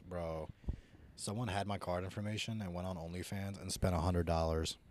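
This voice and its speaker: A young man co-hosting a podcast, telling stories in a loud, joking way and swearing casually. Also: low voice, a little hiss or hum. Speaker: podcast co-host. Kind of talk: casual chat.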